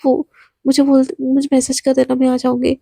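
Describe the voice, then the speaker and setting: Brief: a woman playing a stunned, caring college girl, high and lifted, dry close sound. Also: completely flat delivery, a little fast, gravelly, dark tone, no room sound. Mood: worried. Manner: startled, questioning.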